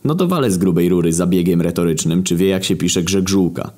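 Man, low voice, casual comic storytelling, slangy, swearing, deadpan. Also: brisk.

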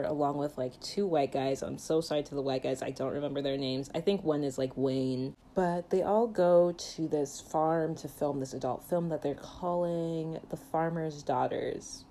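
Speaking low and dark at a measured pace with few pauses, a woman chats through a film recap and commentary. Her tone is jokey and conversational, and "like" pops up constantly.

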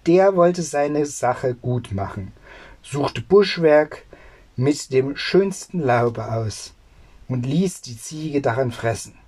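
Slow storybook reader of a fairy tale. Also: medium pitch, lively intonation, darkish tone, slightly rough. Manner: slow, deliberate reading with small slips. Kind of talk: fairy tale read aloud.

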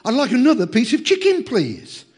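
A man's voice: very high-pitched, wildly swooping pitch, normal speed, breathy edge, voice pushed up, heavily acted. A male preacher voicing a self-important new pastor who gets politely indignant. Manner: politely insistent, affronted.

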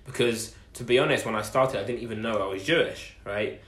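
A man's voice: fairly low pitch, a little fast, a bit bright. A man in his twenties with an Essex accent, chatting casually on a podcast in an earnest way, repeating phrases for emphasis. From Essex and southeast London, England. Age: 20s. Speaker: podcast co-host telling his story. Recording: echoey room.

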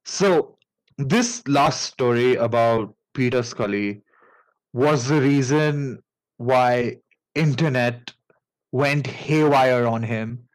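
Podcast host, male, Indian accent, unhurried rambling storyteller with lots of fillers. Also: mid-range voice, low-quality recording. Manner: rambling, halting, many fillers and restarts.

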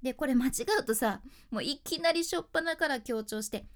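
Her voice high-pitched and a little fast, a young woman with a Fukuoka accent, who works as a freelance announcer, teaches a casual speaking lesson. She explains in a chatty way, ending phrases in dialect.

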